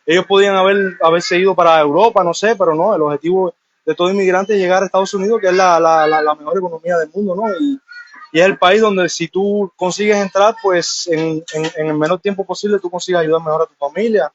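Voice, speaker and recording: A man from Cuba answering questions in an outdoor street interview, earnest and halting, with many pauses and fillers. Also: sits high, fairly even intonation, slight background noise. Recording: muffled live field audio.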